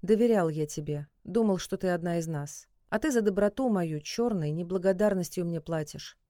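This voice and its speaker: A proud young prince, grim and resentful, accuses through gritted teeth, voiced by a woman reading the tale. Her warm, mellow tone stays close and dry on the mic. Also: fairly low pitch, moderate pace, dry recording, lightly acted. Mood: bitter.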